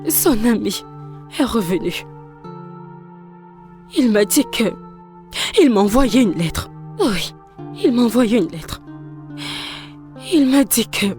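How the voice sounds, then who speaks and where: A woman's voice: medium pitch, a little mellow. A weary, bitter mother in a film dub. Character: aging mother, weary and bitter, haunted by the past.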